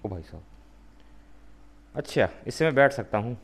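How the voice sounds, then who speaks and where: A man giving jokey, excitable commentary on a virtual reality game. He taunts the zombies and then apologizes to them. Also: mid-range voice, normal speed, vocal fry, breathy edge. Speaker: gamer. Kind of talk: casual VR gameplay commentary.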